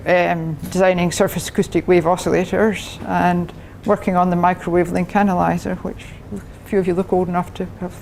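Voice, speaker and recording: An older Scottish woman, a professor invited as guest speaker, gives a chatty technical talk to a club in a lowish, darkish voice. She laughs often and restarts her sentences, with slight background noise in the recording.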